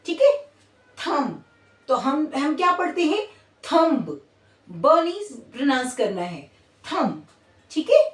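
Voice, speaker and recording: A woman's voice: sits high, very animated, moderate pace, few pauses. A woman with an Indian accent teaching English pronunciation in Hindi, stopping again and again to check the class is following. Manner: repetitive, checks in with "theek hai". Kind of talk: classroom lesson. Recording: roomy echo from a distance.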